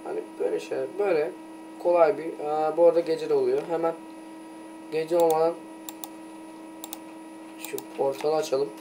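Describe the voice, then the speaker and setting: A man's voice: a little high, steady tone, normal speed, long pauses, background noise. A young man casually commenting on his game as he plays, talking to himself with many fillers and trying to sneeze. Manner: chatty, talks to himself while playing, many "ee" fillers. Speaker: gameplay commentator. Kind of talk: casual let's play commentary.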